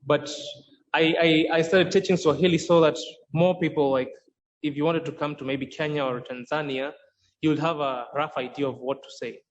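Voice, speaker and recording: In a podcast interview, a Swahili instructor and course creator earnestly describes how he teaches, frequently restarting sentences as he hunts for the right words. He speaks at a moderate pace with a slightly high voice and steady tone. Faint noise runs under the dull, lo-fi sound.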